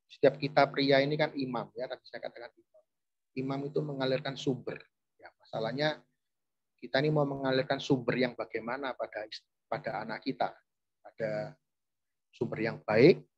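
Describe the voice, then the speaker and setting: Husky-voiced man preaching conversationally. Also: mid-range voice, a little mellow, no room sound, muffled recording. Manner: chatty, addresses audience often, restarts phrases. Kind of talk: conversational sermon.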